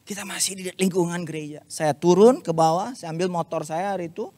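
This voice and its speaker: A man preaching a lively, confessional story-sermon, dropping English phrases in. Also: sits high, a little fast, no room sound. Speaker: youth preacher.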